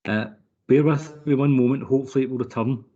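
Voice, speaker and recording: Guy, a solicitor on a video call, muffled lo-fi call sound, kinda husky, formal and persuasive. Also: mid-range voice, steady tone, fairly quick, dark tone. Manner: persuasive, courteous, keeps addressing the panel formally. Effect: remote video call audio. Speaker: solicitor for a licence applicant. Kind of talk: formal legal submission to a committee. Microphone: computer mic on a video call. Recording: dull lo-fi online call audio.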